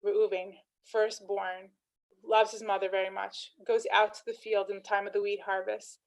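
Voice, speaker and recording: A woman's voice: medium pitch, little pitch movement, normal speed, gravelly, low-quality recording. A woman teaching a lesson on scripture, retelling scenes with quoted dialogue and rhetorical questions. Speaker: Torah teacher.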